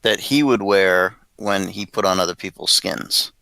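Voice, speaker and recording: A man's voice: low voice, a little slow, vocal fry, sharp tone, no room sound, rough recording. A man playing a tabletop game, asking questions and explaining in casual chat. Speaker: player.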